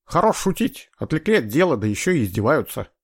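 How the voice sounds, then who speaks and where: A skeptical, blunt police detective, as a male reader puts him on in an audiobook. His voice sits above the reader's own and moves a lot, brisk and doubting. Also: mid-range voice, sing-song, slightly rough, pitched above the performer's own voice.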